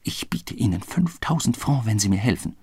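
A man voicing a scheming male detective who presses his case in a hushed, conspiratorial way, in a husky, dry reading. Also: lowish voice, expressive, moderate pace, no echo, full character voice. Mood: insistent. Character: scheming insistent male police detective, adult.

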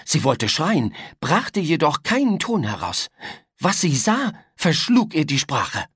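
Male storybook narrator, husky and very animated. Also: on the high side, takes it slowly, dry recording, clean studio sound. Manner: lively, expressive reading. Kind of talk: storybook reading.

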